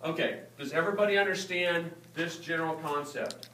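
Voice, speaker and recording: A man teaches a class in a relaxed, joking manner and keeps checking that students follow. His voice sits a little high. He is recorded from a distance in a reverberant lecture hall with a faint background hiss. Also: fairly quick. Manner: casual and joking, keeps checking understanding with "okay?". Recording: echoey room recorded from afar.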